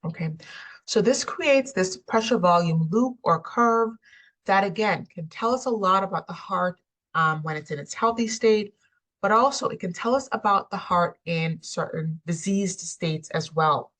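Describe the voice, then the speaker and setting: A woman's voice: medium pitch, measured pace, a bit bright, poor audio. A woman lecturing on anatomy, explaining steadily with frequent ums. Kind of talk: recorded lecture.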